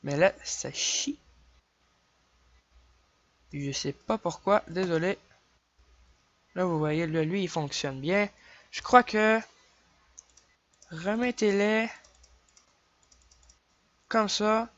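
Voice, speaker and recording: A man's voice: high voice, very slow, long pauses, a bit bright, no room sound. Young male tutorial maker, Québécois accent, casual and chatty, counts clicks aloud, lo-fi dry recording. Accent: Québécois French. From Quebec. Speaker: game tutorial creator. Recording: dull lo-fi dry home mic.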